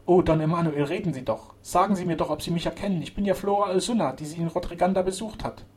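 A man's voice: mid-range voice, animated, fast talker, voice pushed up, natural voice. A man voicing an emotional young noblewoman who pleads and commands with strong feeling. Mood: pleading. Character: tearful young noblewoman, passionate.

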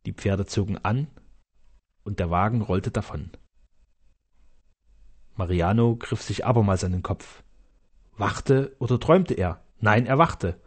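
A man reads a classic adventure story aloud, steady and measured. His voice sits in an ordinary middle register, unhurried as he carries the action along. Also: mid-range voice. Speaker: audiobook narrator. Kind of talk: scripted narration.

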